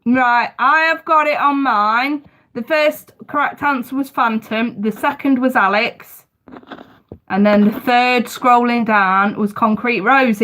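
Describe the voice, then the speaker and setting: Talking straight to her audience, a woman runs a laid-back live tarot stream, chatty despite a stuffed-up voice. She sounds somewhat high and a bit bright.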